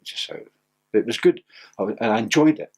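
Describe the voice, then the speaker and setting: Older ex-footballer, husky, animated anecdotes, laughs a lot. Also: male voice, fairly quick. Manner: laughing anecdotal, gets loud and high when excited. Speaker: former footballer interviewee. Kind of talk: animated storytelling.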